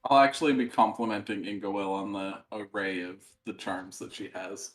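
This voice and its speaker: A man's voice: lowish voice, fairly even intonation, moderate pace, fairly bright tone, rough recording. A man chatting and joking casually as a player in a tabletop role-playing game.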